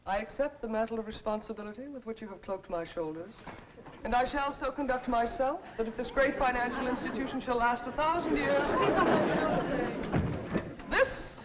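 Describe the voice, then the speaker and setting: An actress playing a devoted, prim bank secretary with grandiose formal speech in a vintage sitcom. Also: female voice, on the high side, moderate pace, crowd noise, lightly acted. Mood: grandly solemn. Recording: far, dull vintage TV soundtrack, loud noise.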